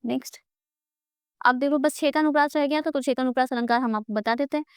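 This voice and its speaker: Woman teacher running an exam prep class, high voice, keeps asking then answering her own questions, dry close mic. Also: steady tone, fast, clear, resonant tone, dry recording. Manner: addresses students as "beta". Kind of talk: exam-prep Hindi grammar lesson.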